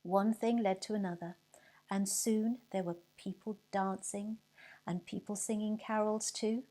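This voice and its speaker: Slow mellow woman reading a story. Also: medium pitch. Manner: expressive, whispers and cheerful shouts for effect.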